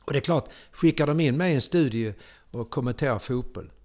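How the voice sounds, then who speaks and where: An older man from Sweden with a Scanian accent, telling personal stories in a theatrical way and breaking into sudden loud exclamations. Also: mid-range voice. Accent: Scanian Swedish. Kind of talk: animated personal storytelling.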